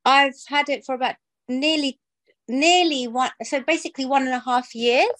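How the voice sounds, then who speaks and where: A Pakistani woman in her thirties who runs a small business, here a client, chats casually on a video call from her living room, filling her talk with "you know" and "um." Her voice sits high and a bit bright, at normal speed.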